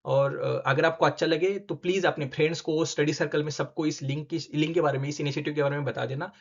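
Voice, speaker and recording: A young man tutoring exam candidates in a casual lesson, briskly checking in with his listeners as he goes. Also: a little high, fairly even intonation, creaky. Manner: brisk, keeps asking "theek hai?". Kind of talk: casual explanatory lesson in Hindi-English mix. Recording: dull lo-fi recording.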